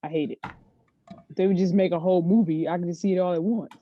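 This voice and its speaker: A woman's voice: fairly low pitch, steady tone, quick pace, muffled recording, a little hiss or hum. A woman guest on a podcast, chatting casually and telling stories with frequent laughs. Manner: chatty storyteller, laughs often. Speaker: podcast guest, sports agency CEO. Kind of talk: casual interview chat.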